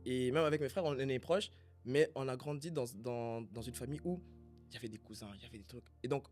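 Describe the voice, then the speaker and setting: A man from Congo in a casual faith conversation, speaking in a reflective, halting way as he searches for his words. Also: mid-range voice, a little mellow, faint music behind.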